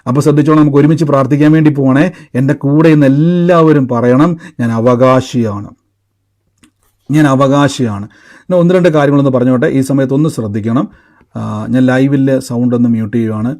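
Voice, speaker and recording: A man's voice: medium pitch, steady tone, fast, dark tone. A man preaching a live-streamed sermon, asking emphatic questions and leading the listeners in repeated declarations. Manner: emphatic, rising questions and call-and-response.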